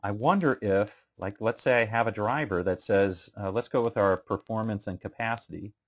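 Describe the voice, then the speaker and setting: A male instructor with a lowish voice gives a casual statistics lecture at a moderate pace, questioning his students and using lots of fillers. The classroom recording is muffled and lo-fi.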